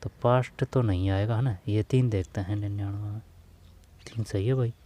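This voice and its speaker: A man teaching an exam-prep grammar lesson, reading English sentences out slowly and repeating them word by word. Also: fairly low pitch, steady tone, warm tone.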